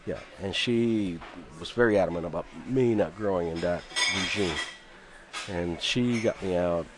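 A man's voice: low-pitched, moderate pace, heavy background noise. A Cuban-born man in his fifties, a musician, chatting in a radio interview with frequent laughs and restarts. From Cuba. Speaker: musician guest.

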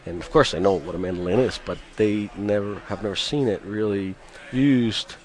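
Radio guest: deep-voiced Cuban-born musician in his fifties, relaxed and chatty. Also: moderate pace. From Cuba. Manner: chatty, laughs often, many restarts. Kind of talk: radio interview.

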